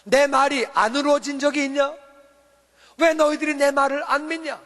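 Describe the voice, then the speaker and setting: A man's voice: very high voice, normal speed, fairly bright tone, long reverb tail. A man preaching, voicing a stern male teacher who scolds his followers with repeated rhetorical questions. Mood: scolding.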